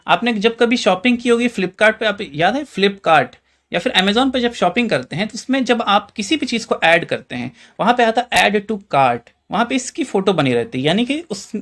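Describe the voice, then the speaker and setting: High-voiced Indian man teaching vocabulary. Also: big pitch swings, normal speed, fairly bright tone. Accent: Indian Hindi. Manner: quizzes the viewer with rhetorical questions; addresses listeners as friends, chatty. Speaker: English teacher. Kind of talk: classroom-style explainer lesson.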